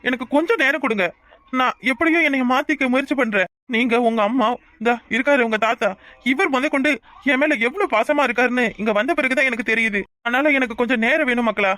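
A remorseful cartoon father, voiced by a man, pleads with his family. His voice sits very high and runs fast, and the sound is dry and close with no room around it. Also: bright, forceful tone, no echo. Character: grieving young father, guilt-ridden and pleading. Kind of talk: cartoon voice acting.

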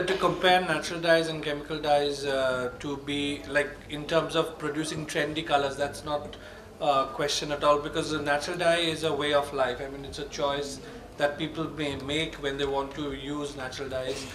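A man speaking as a panelist on stage into a handheld mic, explaining his views in a measured way. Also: fairly high pitch, flat delivery. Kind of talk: panel discussion answer. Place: stage of a large auditorium. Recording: echoey hall, faint background noise.

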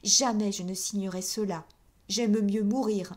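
A woman's voice: medium pitch, steady tone, measured pace, a little mellow, lightly acted. A woman reading an audiobook, voicing a proud aristocratic countess who speaks in a raised, indignant voice. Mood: indignant outrage.

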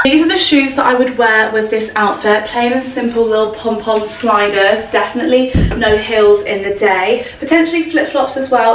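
A woman's voice: on the high side, slight background noise. A young woman vlogger gushing about her outfits as she sorts clothes at home. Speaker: fashion vlogger. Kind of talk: casual styling chat to camera. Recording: roomy echo, distant from the mic.

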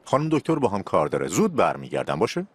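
A man's voice: deep voice, huge pitch swings, husky, dry recording, exaggerated voice. An actor dubbing a young boxer father who tenderly reassures his sick son in a TV drama. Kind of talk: dubbed TV drama. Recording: TV drama dub with music behind.

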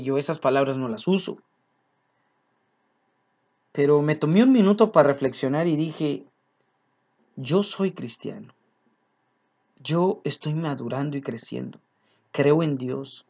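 A man preaching a sermon, earnest and repeating his key phrases as he speaks to his congregation as brothers. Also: a little high.

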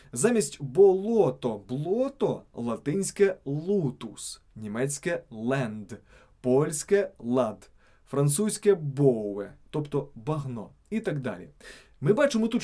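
A man reads scripted narration in a fairly high voice that swoops up and down with lively intonation. His tone is dark and mellow. He stresses example words one by one. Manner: emphatic, word-by-word reading of examples. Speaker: channel narrator.

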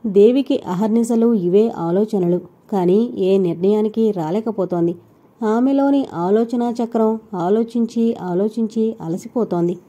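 Woman narrating a novel, dark mellow voice. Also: mid-range voice, husky. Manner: steady, measured storytelling. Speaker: audiobook narrator. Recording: dull lo-fi recording.

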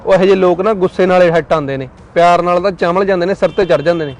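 A man's voice: high voice, fast talker, close to an everyday voice. A young man playing a stressed student who argues irritably. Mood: irritated. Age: young adult. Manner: irritated, argumentative.

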